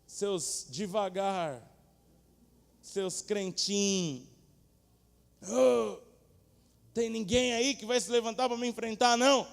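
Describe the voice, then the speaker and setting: Gigante guerreiro debochado, voz alta e arrastada, interpretado por um pregador; salão reverberante. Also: male voice, sits high, creaky, pitched above the performer's own voice, heavily acted. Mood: mocking. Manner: jeering, drawn-out shouting. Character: taunting giant warrior, male, huge, arrogant. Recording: echoey church hall.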